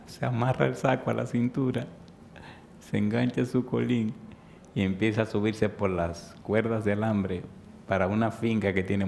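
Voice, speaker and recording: A man's voice: fairly low pitch, vocal fry, a little hiss or hum. A man in his fifties preaching a sermon, telling stories playfully and asking the congregation questions. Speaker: pastor.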